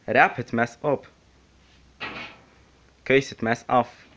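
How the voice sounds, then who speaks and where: A man playing the instructor in a spoof tutorial, giving commands in a put-on flat robot voice. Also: medium pitch, very slow, a little hiss or hum.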